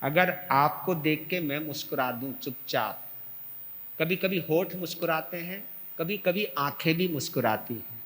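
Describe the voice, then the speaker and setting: A man, a monk, giving a sermon, lively and swinging between loud and soft as he acts out quarrels. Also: fairly high pitch, unhurried, big-room sound. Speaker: Jain monk giving a discourse.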